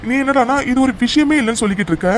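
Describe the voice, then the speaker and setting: A man's voice: extremely high pitch, animated, very fast, slight background noise. A man voicing a worried, affectionate young husband in a cartoon, who sounds anxious and pleading. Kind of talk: cartoon voice acting.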